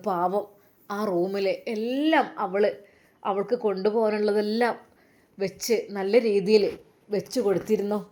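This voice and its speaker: A woman narrates an emotional story in a heartfelt way. She leans on dramatic pauses, and her voice is warm and mellow, sitting in a middle pitch.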